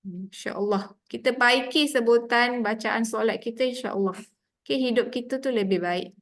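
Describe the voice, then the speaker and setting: A female Quran recitation teacher with a Malaysian Malay accent leads an online tajweed lesson, patiently explaining sounds step by step. Her voice is a little high and she speaks at a normal speed.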